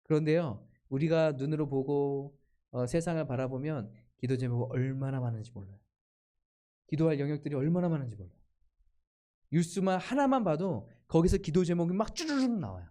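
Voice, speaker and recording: A man's voice: on the high side, expressive, a little fast, dark tone. A middle-aged man preaching a sermon as pastor, telling stories and acting out prayers and quotes in shifting voices.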